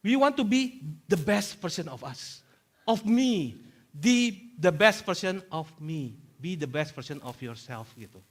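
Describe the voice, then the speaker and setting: A middle-aged male pastor preaching a sermon in a lively way, slipping into English phrases and acting out what others say. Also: high voice, slow. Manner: animated, mixes in English phrases, acts out quoted speech. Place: church service.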